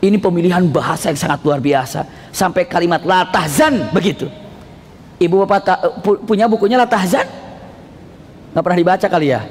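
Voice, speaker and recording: A male preacher, giving a lively sermon that keeps asking the audience questions. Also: high-pitched, brisk. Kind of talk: Islamic sermon. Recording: long hall reverb.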